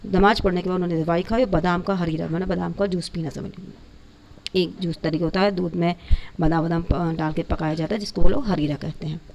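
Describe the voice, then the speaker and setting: A woman's voice: on the low side, fairly even intonation, fast, a little mellow. A woman teacher reads a school lesson aloud and explains its words simply for young students. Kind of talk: reading and explaining a class 5 Hindi textbook lesson. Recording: dull lo-fi recording, faint background noise.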